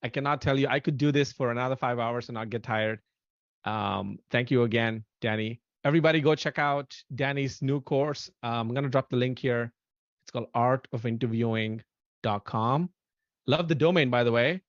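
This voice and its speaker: A man in his thirties hosting a casual podcast chat, excitable and animated, speaking in quick bursts. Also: medium pitch, no room sound. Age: 30s. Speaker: podcast host. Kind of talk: casual chat on a video call. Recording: dull, lo-fi, dry audio.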